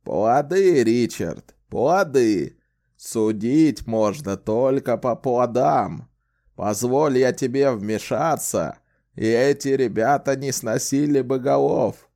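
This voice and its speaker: A man voicing a sly, wry old male wizard who talks in a slow, theatrical, teasing way in an audiobook. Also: medium pitch, lively intonation, dark tone. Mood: lecturing. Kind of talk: audiobook character voice.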